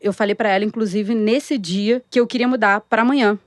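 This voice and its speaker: A woman, a cook being interviewed, telling her story in a lively way and acting out the dialogue she quotes. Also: mid-range voice, brisk, no echo, studio quality. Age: 30s. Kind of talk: casual interview talk.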